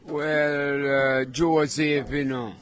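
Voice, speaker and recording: A man's voice: a little high, level tone, extremely slow, a bit bright. A man from Jamaica with a Jamaican accent, giving informal oral history in Rasta speech. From Trench Town, Jamaica. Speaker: interviewee.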